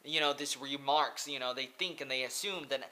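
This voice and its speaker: Speaking at a moderate pace, this twentysomething man from Oregon has a medium-pitched, bright, forceful voice. He's a vlogger and English teacher chatting earnestly to his close-up laptop webcam in a small room, rambling, repeating himself, and leaning heavily on "like."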